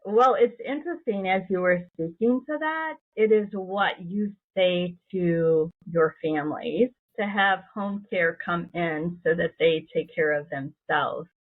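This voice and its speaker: A woman's voice: lowish voice, a little slow, hardly any pauses. A woman podcast host and coach, speaking in an affirming, encouraging way in a casual interview. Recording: tinny phone-like line.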